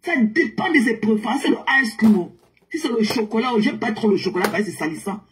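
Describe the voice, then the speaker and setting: A woman telling a story on a live stream in an animated way, explaining with everyday comparisons and mixing in English words. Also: a little high, a little fast, a little hiss or hum. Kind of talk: casual live-stream chat.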